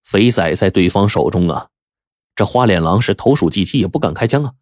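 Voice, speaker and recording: A man narrating a crime story as a storyteller, with an animated, dramatic delivery full of vivid sound words. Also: low-pitched, brisk, no room sound, studio quality.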